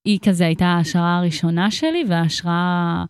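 A woman's voice: lowish voice, steady tone, clean tone, dry recording, clean studio sound. A young woman, a musician chatting casually as an interview guest, full of slang and fillers.

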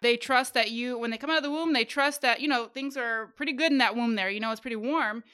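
A woman with a high, bright voice talks through an idea in casual conversation. Her tone is smooth and clear, and she muses reflectively, peppering her thoughts with "you know". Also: fast talker. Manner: reflective, explaining with frequent "you know" asides.

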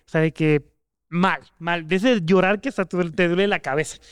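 A man's voice: high voice, moderate pace, clear, resonant tone, dry recording, clean studio sound. A young man with a Mexican Spanish accent, co-hosting a podcast and telling an emotional story in a rambling way during casual chat. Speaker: podcast co-host.

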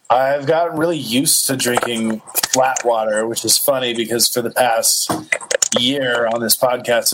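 Rambling man on a noisy podcast line. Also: mid-range voice. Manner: rambling, lots of fillers. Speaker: podcast host. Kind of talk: casual chat.

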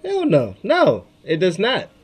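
A man hosting a casual podcast over a video call, arguing loudly and cursing often. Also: high voice, huge pitch swings, slow pace. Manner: loud, profane and argumentative. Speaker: podcast host.

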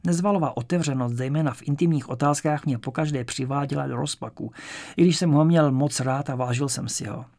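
A man reading a first-person memoir as an audiobook, in a calm, measured storytelling manner. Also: on the high side, no room sound. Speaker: audiobook narrator.

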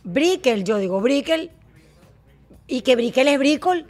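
A woman's voice: high-pitched, very animated, normal speed, a little mellow, faint music behind. A woman hosting a podcast, chatting in a playful, teasing way. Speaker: podcast host. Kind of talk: casual chat.

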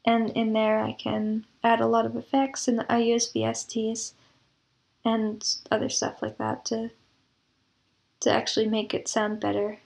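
A guest composer and audio drama producer reflects on her creative work in an interview, describing it thoughtfully. Her voice is a little high, creaky and slightly mellow, delivered unhurriedly in a monotone.

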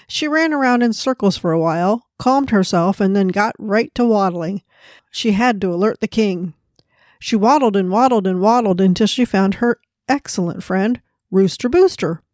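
A woman's voice: mid-range voice, no echo. Earnest woman, close dry mic. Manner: earnest, prayerful, gently storytelling. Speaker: podcast host. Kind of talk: devotional podcast and storybook narration.

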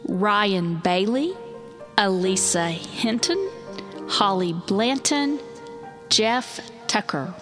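A woman's digitally echoed voice reads one name after another at an unhurried, steady pace. Her delivery is measured and clear, and faint background music sits under her. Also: medium pitch. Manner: slow, measured reading of names. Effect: digital echo on the voice. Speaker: podcast co-host.

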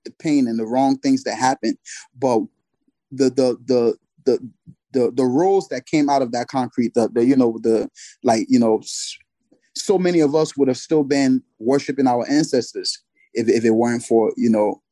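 A man co-hosts a faith podcast and reads scripture aloud, stumbling and restarting as he goes. His voice has a dark, mellow tone, recorded dry and close. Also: mid-range voice, no echo, rough recording. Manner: halting, with many fillers and restarts. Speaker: podcast co-host.

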